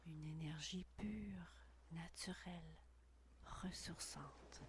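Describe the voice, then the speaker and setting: Female meditation guide, breathy whisper, intimate and close to the ear, soothing, drawn-out slow pacing, light background ambience. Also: sits low, a little hiss or hum. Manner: slow, soothing, unhurried phrasing with long pauses. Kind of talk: guided meditation, scripted narration.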